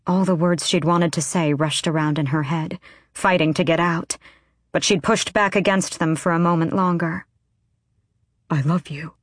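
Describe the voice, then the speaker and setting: A woman narrating a fantasy audiobook in a measured, even storytelling manner. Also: lowish voice, no room sound, studio quality. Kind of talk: scripted narration.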